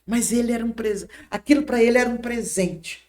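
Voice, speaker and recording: Older woman, slightly high voice, reflective podcast-guest storyteller who keeps checking in with the listener. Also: brisk. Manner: gentle, reflective, often checks in with "sabe?" and "né?". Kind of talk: reminiscing storytelling.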